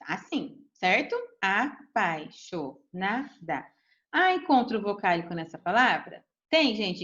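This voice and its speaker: A woman's voice: mid-range voice, a bit bright. A woman teacher, patiently explaining a grammar lesson step by step to children and often checking in with "tá bom?". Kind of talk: recorded remote lesson. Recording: dull lo-fi recording.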